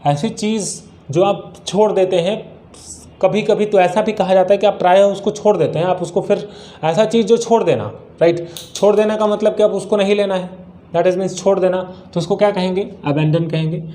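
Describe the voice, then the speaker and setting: A man with an Indian accent explaining English words patiently, checking in with rhetorical questions. His voice sits a bit high for a man but sounds mellow and soft-edged. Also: fairly even intonation. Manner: slows down sharply to read English example sentences. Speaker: English teacher. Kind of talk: spoken English vocabulary lesson.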